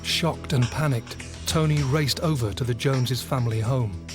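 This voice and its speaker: A man giving scripted documentary narration, measured and grave. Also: medium pitch. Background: music score.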